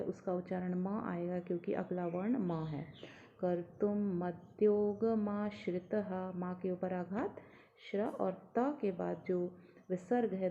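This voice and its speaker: A woman teaching how to pronounce sacred verses, drawing out each syllable slowly and spelling out sounds. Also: mid-range voice, mellow, dull audio, a little hiss or hum. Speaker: Gita recitation teacher. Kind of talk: slow explanatory Sanskrit pronunciation lesson.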